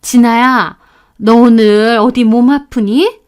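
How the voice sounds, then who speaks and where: A woman voicing a hypocritical female academy teacher who speaks softly and coaxingly but turns sharp and scolding, in an acted story. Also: a little high, steady tone, slow pace.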